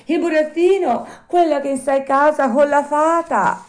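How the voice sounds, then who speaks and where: Woman doing a shrill desperate puppet boy. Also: measured pace. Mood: pleading. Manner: shrill pleading cries. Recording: roomy echo.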